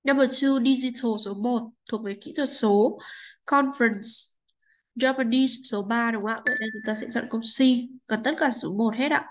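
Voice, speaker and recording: A woman with a slightly high voice teaches an English textbook lesson at normal speed, speaking politely and checking her students follow with small tag questions. The recording is rough.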